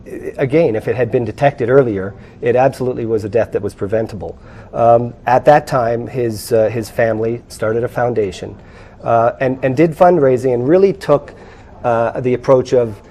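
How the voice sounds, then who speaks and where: A man's voice: medium pitch, warm tone, slight background noise. A man on a charity board, explaining his foundation in an earnest way with some fillers.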